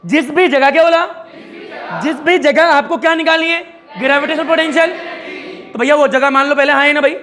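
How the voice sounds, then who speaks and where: Brief: high-pitched man lecturing a tuition class, forceful bright tone, constant questions to students. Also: steady tone, a little fast. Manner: keeps quizzing students with repeated questions and jokes. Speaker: physics teacher.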